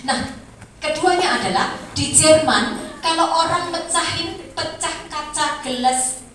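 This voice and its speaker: Animated woman lecturing in a hall. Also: sits high, unhurried, a little hiss or hum. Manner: animated storytelling, acts out voices, laughs often. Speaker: kindergarten teacher giving a talk. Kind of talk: lively lecture to students. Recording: echoey room, voice from far off.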